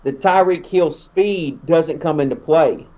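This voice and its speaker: A man's voice: fairly high pitch, unhurried, dark tone, a little hiss or hum. A married man co-hosting a live sports stream, giving rambling, opinionated takes on the game. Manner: rambling, opinionated, restarts often. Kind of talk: casual sports chat. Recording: dull lo-fi audio.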